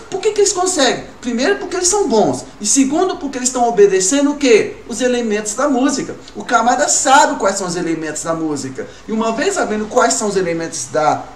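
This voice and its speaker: A man teaching a recorded music class to children, asking questions and answering them himself in a lively way. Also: high voice, distant mic. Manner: lively, talks to pupils as "gurizada", asks and answers his own questions. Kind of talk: recorded online class for kids. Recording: roomy, from off-mic, faint room noise.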